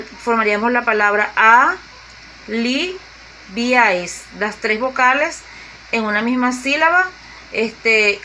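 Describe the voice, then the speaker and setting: A woman teacher, explaining grammar to young pupils slowly and deliberately, repeating her examples. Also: a little high, sharp tone, slight background noise, poor audio. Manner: slow and deliberate, repeating and spelling out examples with fillers. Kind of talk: slow grade-school grammar lesson.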